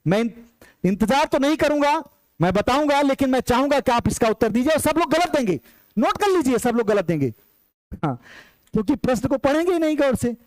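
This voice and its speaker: A man's voice: extremely high pitch, very animated, fairly quick, no room sound, rough recording. A man teaching an exam-prep lecture, emphatic and repetitive, calling his viewers brothers as he drills key points. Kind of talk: online lecture.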